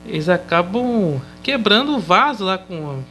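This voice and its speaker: High-voiced Brazilian man recapping casually. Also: expressive, a little slow, pushed and bright, faint music behind, low-quality recording. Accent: Brazilian Portuguese. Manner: loose and chatty, tags sentences with questioning fillers. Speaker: episode reviewer.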